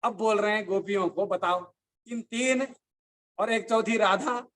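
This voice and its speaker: His voice sitting high, a religious teacher offers devotional teaching: he chants verses at a slow pace and explains them by telling animated stories.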